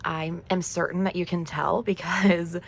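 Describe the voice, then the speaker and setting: A budgeting vlogger in her thirties, her voice going, speaks to camera in a lowish, steady, gravelly tone without hurrying. She stays upbeat and chatty, laughing frequently.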